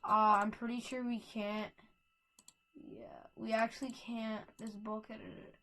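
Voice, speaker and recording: A woman's voice: a little high, level tone, measured pace, pushed and bright. A woman giving casual, rambling game commentary on a headset mic, full of fillers and restarts, with a lo-fi sound. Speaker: gameplay video maker.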